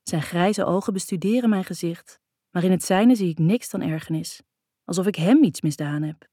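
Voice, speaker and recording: A woman narrating a first-person novel in a calm, even reading voice. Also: lowish voice, normal speed, slightly rough, no echo, studio quality. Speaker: audiobook narrator.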